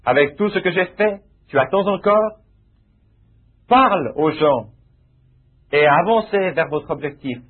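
Guy preaching, kinda husky, slightly high voice, sounds like an old phone line. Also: lively intonation, a little slow, pauses often. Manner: emphatic, repetitive preaching with rising exclamations. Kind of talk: sermon.

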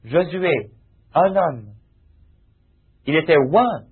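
Guy preaching, kinda husky, slightly high voice, sounds like an old phone line. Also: animated, extremely slow. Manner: emphatic, repetitive preaching with rising exclamations. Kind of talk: sermon.

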